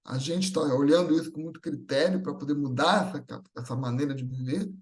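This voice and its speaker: A Brazilian man with a Brazilian Portuguese accent speaks as a guest at a Spiritist gathering, delivering an unscripted religious talk that is earnest and reassuring and often builds through repeated phrases. His voice is fairly high and fairly quick.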